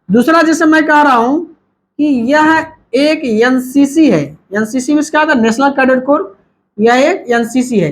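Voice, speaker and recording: High voice, male teacher, repeats each point as a question and answers it himself, a grammar lesson in mixed Hindi and English. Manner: repetitive, asks and answers his own questions; mixes Hindi with English terms.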